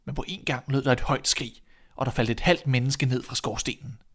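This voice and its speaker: Calm man reading a fairy tale. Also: medium pitch, slightly rough. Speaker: narrator. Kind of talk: storybook reading.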